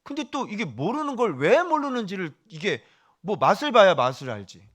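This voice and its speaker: A male pastor preaching a sermon, animated and firing questions at the congregation, dropping to a hush for asides. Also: sits high, moderate pace.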